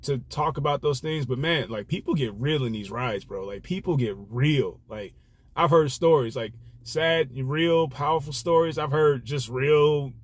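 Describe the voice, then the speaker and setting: A young man, a rideshare driver, telling a personal story in an earnest, rambling way full of fillers. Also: on the high side. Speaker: rideshare driver sharing stories. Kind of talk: casual reflective storytelling.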